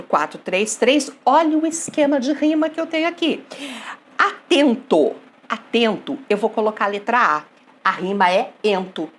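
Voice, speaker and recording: A woman teaching a poetry lesson, explaining rhyme and syllable counts step by step and quizzing her class. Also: a little high. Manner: animated, explains step by step and asks the class questions; reads verse slowly and softly. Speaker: literature teacher.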